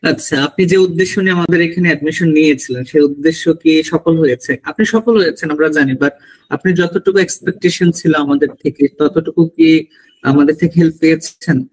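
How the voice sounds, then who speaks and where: A man hosting an online coaching session, asking formal, measured questions over a video call. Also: a little high, husky, low-quality recording. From Bangladesh. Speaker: host of visa coaching session. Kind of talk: online interview.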